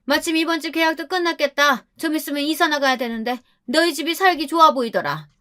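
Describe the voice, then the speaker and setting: Woman doing a high shrill old mother-in-law, bossy and scheming, odd nasal storybook voice. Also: fairly quick, a bit bright. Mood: taunting.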